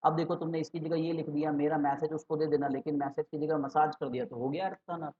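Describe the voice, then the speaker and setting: Teacher with a lilt. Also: male voice, a little high, steady tone. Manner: mixes English and Hindi, slows for key terms; rhetorical questions to students. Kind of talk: exam-prep lecture. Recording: dull lo-fi sound.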